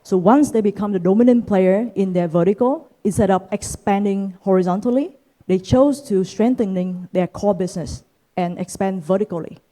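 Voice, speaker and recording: The audio is poor, but the woman's medium-pitched voice comes through warm. She is a thirty-something Vietnamese venture capitalist on a conference stage, pacing her keynote carefully with many "uh" fillers.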